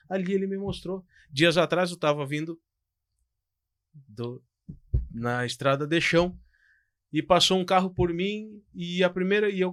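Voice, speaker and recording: A man, co-hosting a pastoral podcast in a casual, animated storytelling way. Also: on the high side, no echo, studio quality. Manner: animated, storytelling, frequent "cara" and "tu". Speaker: podcast co-host.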